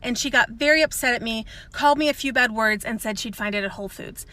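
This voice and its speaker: A woman's voice: on the high side, fast talker, sharp tone. A woman who works as a store manager, dryly recounting a customer story. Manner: dry, sarcastic retelling. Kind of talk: casual storytelling to camera.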